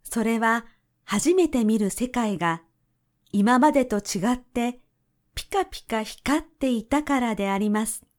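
Slow, gentle woman storyteller. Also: on the high side, animated. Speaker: narrator. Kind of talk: storybook narration.

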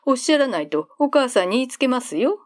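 A woman's voice: high-pitched, big pitch swings, fast talker, no echo, studio quality, pitched above the performer's own voice. A woman voicing an old nursemaid who scolds the older boy and dotes on the baby, in old-fashioned polite speech. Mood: fussing.

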